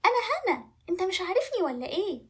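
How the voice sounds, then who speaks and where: Woman doing a bright, brave storybook princess. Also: extremely high pitch, very animated, racing, pitched above the performer's own voice, heavily acted. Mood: coaxing. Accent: Egyptian Arabic. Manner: sweet and coaxing, then firm. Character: brave clever young princess, calm and sharp.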